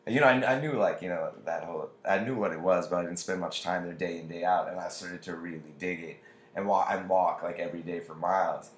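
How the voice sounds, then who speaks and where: Echoey, low-voiced guy. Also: fairly even intonation, quick pace. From Queens, New York City. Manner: rambling, slangy with casual swearing. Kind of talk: casual chat. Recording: echoey, roomy sound.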